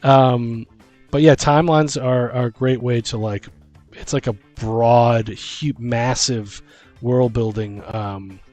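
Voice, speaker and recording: This game master and podcast host talks tabletop games in an easygoing, rambling style full of slang. His medium-pitched voice is steady, slow and darkish in tone, and music runs behind the recording.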